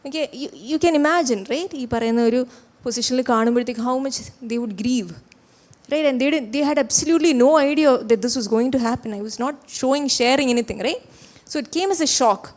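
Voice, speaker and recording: A woman's voice: high voice, rapid-fire, a little mellow. A young woman from Kerala with a Malayali English accent gives an earnest church testimony, moving between English and Malayalam and often checking in with her listeners. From Kerala, India. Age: young adult.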